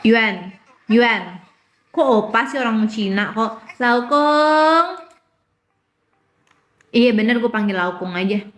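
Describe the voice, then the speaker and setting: A woman's voice: medium pitch, fairly quick, hardly any pauses. A woman with a Jakarta accent chatting casually on a phone live stream, teasing her viewers and trying out words again and again. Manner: repeats words again and again while trying out pronunciations. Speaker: social media influencer.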